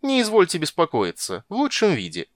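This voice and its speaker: A man voicing a servile, tattling male water rat who squeaks and whines in a storybook reading. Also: wildly swooping pitch, brisk, no echo. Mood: fawning. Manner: whiny, squeaky, fawning.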